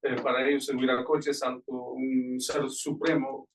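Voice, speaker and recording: A man in a church meeting, speaking from a distance off the microphone at an ordinary pitch. He talks in a relaxed, rambling way with many hesitant fillers between his thoughts. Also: moderate pace. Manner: conversational, filler-heavy with este. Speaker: congregation member. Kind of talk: church Q&A talk.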